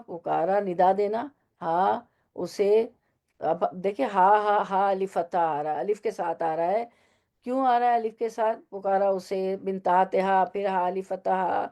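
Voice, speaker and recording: A woman with a low, mellow voice teaches a Quran lesson to women. She explains Arabic words slowly and stops to ask her listeners questions. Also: gravelly.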